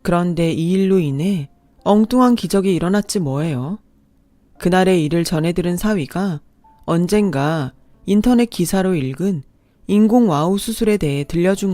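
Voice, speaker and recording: A woman's voice: lowish voice, warm tone, no room sound. A woman in her sixties narrating a radio drama in the first person, in a confiding and emotional way.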